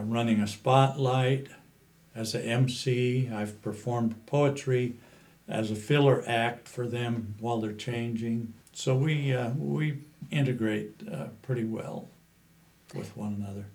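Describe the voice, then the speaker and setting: A man in his seventies with a Western American accent, reminiscing in an interview in a halting, unhurried way. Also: mid-range voice, fairly even intonation, a little mellow. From Utah, USA. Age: 70s. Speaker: interview guest, cowboy poet.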